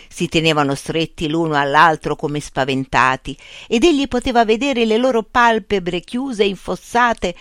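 Expressive audiobook narrator. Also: medium pitch, dry recording, clean studio sound. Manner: measured, expressive storytelling.

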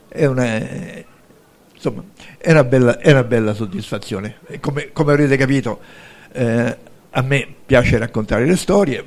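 An older man, an author telling fairy tales aloud to a live audience in an animated, chatty way with frequent fillers. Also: medium pitch. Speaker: author and storyteller.

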